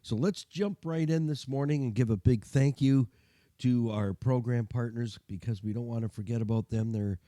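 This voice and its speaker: The chatty radio and podcast host of a folksy car show speaks at a normal speed in a mid-range voice, dark and relaxed but thick with a gargly, congested winter cold. His patter is jokey and homespun, recorded in a dry, close studio with no room sound.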